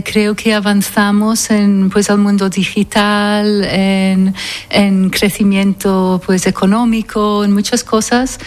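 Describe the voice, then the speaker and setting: A woman from Scotland who founded and directs an NGO, answering interview questions in an earnest, thoughtful way, pausing to find words. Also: medium pitch, darkish tone.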